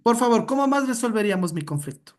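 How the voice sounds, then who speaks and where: A woman's voice: on the high side, sing-song, fast. A woman instructor leading an interactive online lesson over a video call, direct and coaching.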